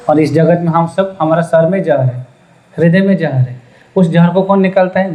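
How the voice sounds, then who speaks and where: A man's voice: on the high side, warm tone, slight background noise. A man preaching a sermon as a story, acting out its characters and quizzing his listeners with questions. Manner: acts out quoted characters and quizzes the audience; apologetic, humble asides.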